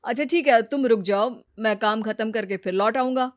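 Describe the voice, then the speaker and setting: A woman's voice: on the high side, normal speed, lightly acted. Arpit, a woman doing a patient, lecturing brother-in-law. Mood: calm. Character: sensible brother-in-law, calm grown man.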